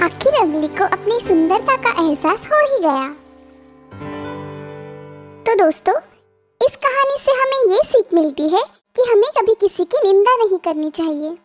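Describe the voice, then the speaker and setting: A woman reads a children's story as a scripted narrator in a very high, animated voice, taking an unhurried pace. Music plays clearly in the background.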